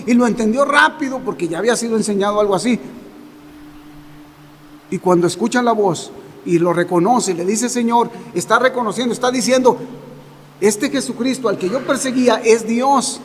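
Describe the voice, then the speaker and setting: Mexican man, very high voice, Bible teacher at a Sunday service, conversational and questioning, church reverb with faint room noise. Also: moderate pace. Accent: Mexican Spanish. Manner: conversational, with rhetorical questions and acted quotes.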